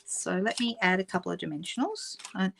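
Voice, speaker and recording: A middle-aged Australian woman hosts a live papercraft stream, chatting casually, reading out viewer comments as she works and correcting herself along the way. Her medium-pitched voice is sing-song, gravelly and a bit bright, with a slightly fast pace. The recording is rough.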